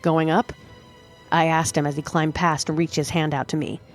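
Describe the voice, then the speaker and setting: A woman narrating a dramatic first-person story with steady, dramatic storytelling. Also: sits low, a little fast. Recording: faint music under the voice.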